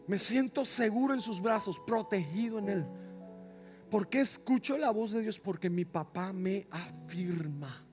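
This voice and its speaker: A male pastor delivers an impassioned sermon in a church. His voice sits very high for a man, and he preaches slowly and deliberately, repeating key phrases. He swings from loud shouts down to hushed, near-whispered lines. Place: church sanctuary.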